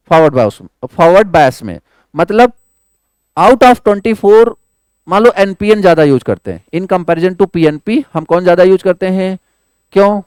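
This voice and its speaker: A man's voice: high voice, a little mellow, clean tone, dry recording, clean studio sound. A man teaching electronics in a classroom lecture. He keeps quizzing his students with repeated questions and mixes English terms into his speech.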